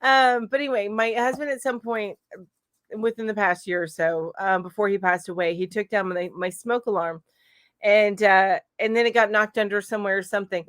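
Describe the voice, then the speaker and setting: Speaking a little fast in a medium-pitched, fairly bright voice with fairly even intonation, a middle-aged woman hosts her crochet channel's live chat stream from home. She chats away, reading comments aloud and replying with frequent fillers. The studio sound is clean, with no echo.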